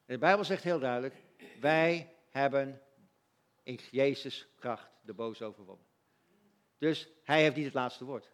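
A man preaching a sermon in a conversational, animated way, acting out little voices and asides. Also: mid-range voice, measured pace.

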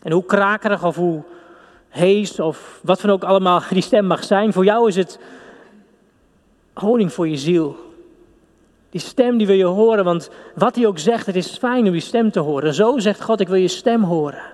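Male pastor, fervent intimate sermon, slightly high voice, long hall reverb. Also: darkish tone. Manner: fervent, intimate preaching with pauses. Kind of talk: sermon and prayer.

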